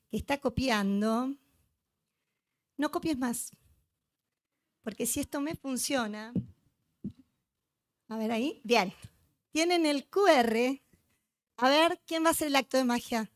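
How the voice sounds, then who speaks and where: High-voiced lady giving a talk, chatty and teasing, very dry sound. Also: takes it slowly, pauses often, no echo. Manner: chatty, joking, teasing the audience. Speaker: conference speaker. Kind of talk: lively lecture to a live audience. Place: conference hall with audience.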